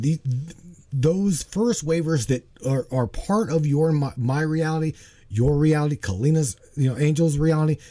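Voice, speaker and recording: This host, a man in his forties, runs a casual livestream, his mellow, warm voice sitting somewhat high. He talks with animation and emphasis, says things more than once, and keeps making sure his listener is following.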